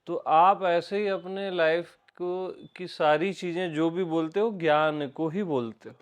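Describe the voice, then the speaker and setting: An Indian man leads a relaxed satsang, speaking slowly and unhurriedly. His voice sits a little high for a man. He keeps returning to the same words and puts questions to the people in front of him. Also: smooth. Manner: repetitive, questioning, conversational teaching. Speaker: spiritual teacher. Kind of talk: informal satsang discourse.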